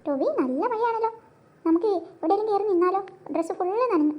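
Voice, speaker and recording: A woman's voice: very high-pitched, lively intonation, fast talker, lo-fi sound. A woman voicing a chatty, complaining young cartoon girl.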